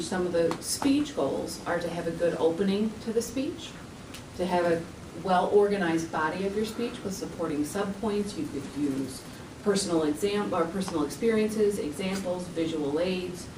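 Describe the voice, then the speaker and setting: Female introducer at a podium, formal and deliberate, distant mic in an echoey room. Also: fairly low pitch, noisy background. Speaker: introducer of a speaker.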